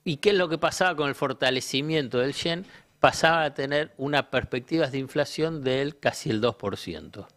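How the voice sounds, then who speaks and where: A man's voice: mid-range voice, moderate pace, fairly bright tone. A man with an Argentine accent, a guest economist on a talk show, explaining ideas didactically by asking questions and answering them himself. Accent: Argentine Spanish.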